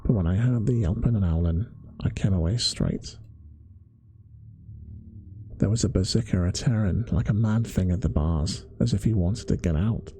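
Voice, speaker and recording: A man voicing a gruff old zookeeper with a London working-class accent, in a bedtime-story ASMR reading. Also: deep voice, dark tone, soft background music, heavily acted. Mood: grumbling. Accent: London working-class (put on). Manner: rough dialect, slow folksy telling. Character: gruff old male zookeeper, grumbling, blunt.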